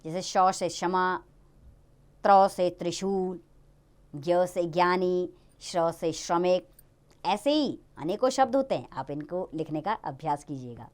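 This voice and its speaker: A woman teaching a Hindi grammar lesson to young children in a lively, sing-song way. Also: fairly low pitch, a little slow.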